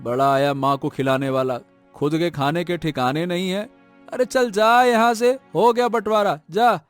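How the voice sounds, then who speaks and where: A man voicing a greedy, stubborn elder son in an animated story, talking brusquely and waving others off. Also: high-pitched, unhurried, no echo, faint music behind. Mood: scornful. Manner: brusque, dismissive, repeats "no, no".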